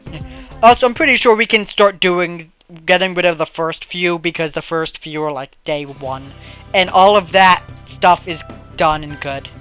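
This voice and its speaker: A man's voice: high voice, normal speed, a bit bright, smooth, no echo. A man hosting a let's play from his own room, chatting loosely and rambling through tangents. He swears casually, with faint game music underneath. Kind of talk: casual gameplay chat. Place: own bedroom.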